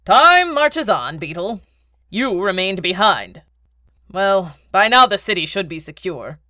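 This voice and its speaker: A woman voicing a scheming, contemptuous middle-aged male baron with a measured, condescending delivery. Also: high voice, very animated, pushed and bright, no echo, clean studio sound, heavily acted. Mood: cold.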